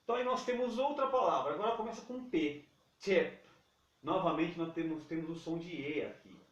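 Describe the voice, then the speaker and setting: A Brazilian man teaching English pronunciation in Portuguese. He repeats each word slowly and keeps checking in with his students. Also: a little high, expressive, roomy sound, distant mic, lo-fi sound. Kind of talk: pronunciation lesson.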